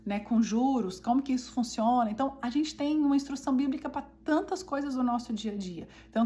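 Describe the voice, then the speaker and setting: A woman with a Brazilian Portuguese accent giving a conversational devotional teaching. She often checks in with her listeners and slows down to stress key points. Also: a little high, a little mellow. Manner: chatty, often asks the listeners "né?" and calls them "gente".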